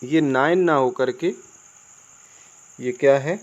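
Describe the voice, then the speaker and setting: An Indian man teaching English spelling in Hindi. He talks casually, spells words out letter by letter and keeps asking the viewers whether it is clear. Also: mid-range voice, slow, lo-fi sound. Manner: chatty, asks the viewers "clear?" often. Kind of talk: casual Hindi classroom explanation.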